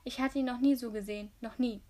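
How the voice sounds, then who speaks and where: A woman with a fairly high voice reads a novel aloud in first person. She narrates steadily, now and then stumbling over a word and restarting, in the manner of an amateur audiobook. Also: steady tone, fast talker, mellow. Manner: reading aloud with small slips and restarts. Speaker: reader.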